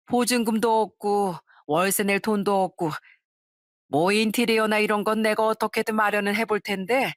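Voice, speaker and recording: A woman's voice: no room sound, clean studio sound, lightly acted. A woman voicing a pushy, shameless older mother-in-law in an audio story, with a demanding, wheedling manner. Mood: pleading. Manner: demanding, wheedling then shrill.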